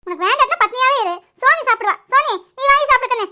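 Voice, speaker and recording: A woman voicing a shrill scolding cartoon mother. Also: animated, quick pace, bright, forceful tone, heavily acted. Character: scolding hot-tempered mother, middle-aged woman. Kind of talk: cartoon voice acting.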